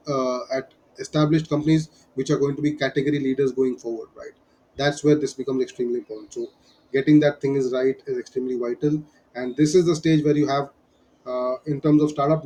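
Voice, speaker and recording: Male business explainer, Indian accent, slightly high pitch, soft-edged tone, emphatic advisor who drives points home by repetition. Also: rough recording. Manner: emphatic, repeats key points. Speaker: business advisor teaching startup fundraising. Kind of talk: explanatory lesson.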